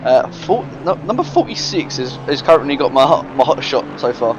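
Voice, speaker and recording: A man co-commentating a sim race, hesitant and relaxed, often laughing along. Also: mid-range voice, fairly quick, highs cut off, background noise.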